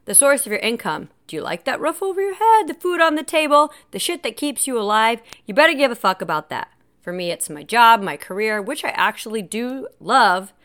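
A woman in her thirties with a smooth, clear voice, telling a personal story head-on. She swears freely and talks with animated, no-nonsense candor, pitched in a middle register. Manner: blunt, profane, animated.

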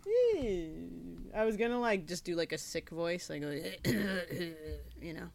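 A woman's voice: lowish voice, big pitch swings, slow pace, darkish tone. A young woman co-hosting a podcast, chatting casually and teasing her co-host. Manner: teasing, playful. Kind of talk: casual chat.

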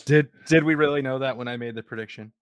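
A man's voice: medium pitch, quick pace, dry recording, dull audio. A man hosting a casual sports podcast, teasing his co-hosts with mock-grand flourishes. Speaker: podcast host.

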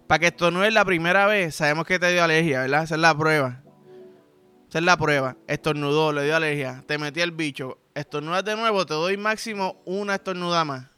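A man's voice: on the high side, brisk, sharp tone, clean tone, faint music behind. A young Puerto Rican man hosting a podcast, telling a crude comic story in a casual monologue with acted sound effects. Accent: Puerto Rican Spanish. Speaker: podcast host.

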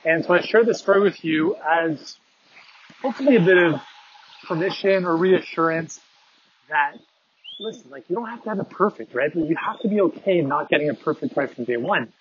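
A man's voice: a little high, animated, a little fast. Podcast host, man, casual and filler-heavy; tin-can earbud sound, dull and muffled. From Canada. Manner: rambling, filler-heavy, conversational. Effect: tinny, tin-can sound from earbud mic. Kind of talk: casual monologue while walking. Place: outdoors on a walk, windy. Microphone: phone with wireless earbuds. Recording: tinny muffled earbud mic, faint wind.

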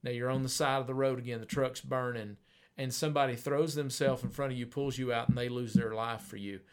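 An older man preaching in an easy conversational way, like a radio host telling a story. His voice sits in a middle pitch, and he stays earnest. He slows right down when he stresses a point. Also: fairly even intonation, clear, resonant tone.

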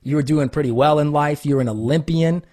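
A man's voice: fairly high pitch, a little fast, darkish tone. A man hosting a podcast, prompting his guest with teasing questions. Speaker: host. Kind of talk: casual interview.

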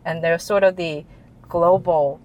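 A woman's voice: on the low side, steady tone, a little slow, a little mellow, muffled recording. A woman who grew up in Taiwan, answering interview questions in a chatty way with frequent laughs and restarts. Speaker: interview guest, chief information officer.

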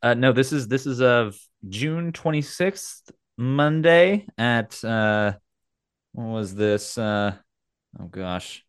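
Male game host, casual and theatrical, very lively intonation, dry sound. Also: mid-range voice, smooth, dry recording. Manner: playful, theatrical announcing with dramatic pauses. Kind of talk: casual podcast-style game hosting.

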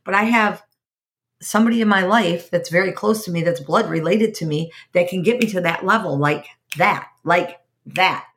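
With a fairly low, slightly bright voice at a moderate pace, a middle-aged podcast host shares earnest stories from her life and offers advice. Repetition and restarted sentences run through her monologue.

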